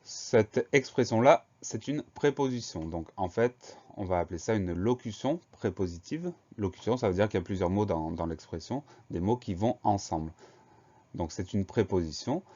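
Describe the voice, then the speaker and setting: A man teaching a spelling lesson, spelling each word letter by letter in a slow, deliberate way. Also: lowish voice, animated, a little mellow. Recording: dull lo-fi recording.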